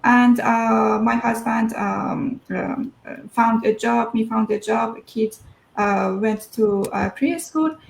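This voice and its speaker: A woman's voice: fairly high pitch, slow pace, gravelly, echoey room, low-quality recording. A woman in her thirties from Iran, a guest telling her story over a video call, hesitant with many fillers. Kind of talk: online interview.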